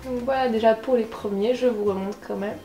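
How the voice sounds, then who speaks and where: A woman with a slightly high voice chats enthusiastically while reviewing makeup, poking fun at herself along the way. The room is echoey, and faint music plays in the background. Her tone is casual and excitable. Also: fairly quick. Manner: chatty, enthusiastic, self-deprecating. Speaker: beauty vlogger.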